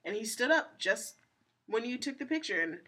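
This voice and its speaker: A woman's voice: on the high side, big pitch swings, moderate pace, sharp tone. A woman in an easygoing podcast conversation, poking holes in stories and spinning her own theories. She talks in a loose, chatty way with frequent asides and fillers. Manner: skeptical, offers theories and retells anecdotes with asides. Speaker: co-host. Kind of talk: casual podcast chat.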